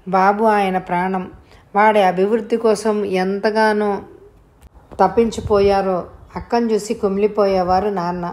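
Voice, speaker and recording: A woman voicing a gentle young mother who speaks softly and quietly. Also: mid-range voice, natural voice. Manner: soft, quiet.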